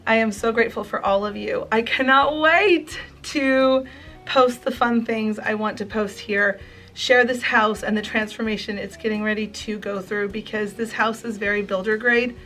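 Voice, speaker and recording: A woman in her forties, a home and craft vlogger, thanks her viewers in a heartfelt, emotional video, nearly in tears. Her voice is a little high and fairly bright, steady in tone at normal speed, with faint music behind.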